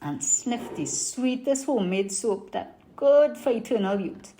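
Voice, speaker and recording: A woman's voice: a little high, expressive, measured pace, mellow, slight background noise. Lilting woman reciting in a strong Trinidadian accent. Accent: strong Trinidadian market accent. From Trinidad and Tobago. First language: English. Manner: lilting, emphatic, rhyming market-seller delivery. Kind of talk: performed dialect poem recitation.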